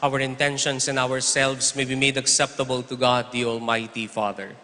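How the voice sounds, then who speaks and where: Priest intoning in a cathedral echo. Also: male voice, medium pitch. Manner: steady, measured intoning. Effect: cathedral echo, long church reverb. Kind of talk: liturgical prayer recitation. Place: large church. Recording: long echoey church reverb.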